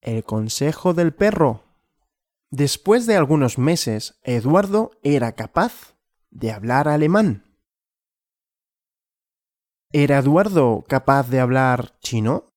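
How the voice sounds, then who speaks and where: A male language teacher telling a simple story, asking and answering his own questions slowly and clearly. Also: mid-range voice, lively intonation, darkish tone, no echo, studio quality.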